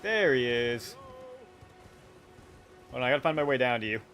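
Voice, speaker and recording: A man's voice: medium pitch, animated, normal speed, a bit bright, soft background music. A man giving casual, chatty commentary while streaming a video game, talking to himself and joking along the way. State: hiccuping.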